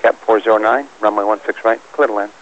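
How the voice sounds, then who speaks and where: A man's voice: on the low side, fairly even intonation, fast talker. A man working as an airport tower air traffic controller, giving clipped instructions over air band radio. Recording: muffled radio with faint static.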